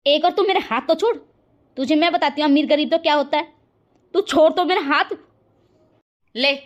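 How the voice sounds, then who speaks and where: A proud, quarrelsome young sister-in-law from a cartoon family drama, voiced by a woman. She scolds loudly in a shrill, high voice. She keeps up a steady tone of contempt. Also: lo-fi sound, natural voice.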